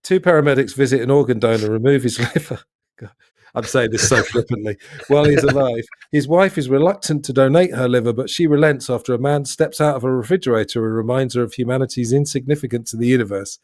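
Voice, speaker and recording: A man hosting a podcast, chatting about a comedy film in an opinionated, relaxed way. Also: medium pitch, fast, dry recording, studio quality. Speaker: podcast host. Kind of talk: casual film review chat.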